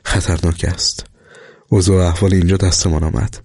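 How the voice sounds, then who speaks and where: Man voicing a cautious young soldier, soft-spoken, husky low voice. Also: level tone, dry recording. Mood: wary. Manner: wary, speaks softly.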